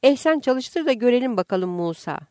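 A flustered village wife, put on by a woman, protests in a raised voice with rural speech. Her voice leaps about in pitch. The recording is dry. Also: animated, normal speed, warm tone, dry recording, lightly acted. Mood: defensive.

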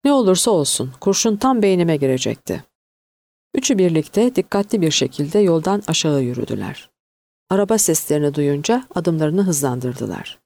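A woman narrating an audiobook in an expressive, varied reading. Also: low-pitched, gravelly, no room sound.

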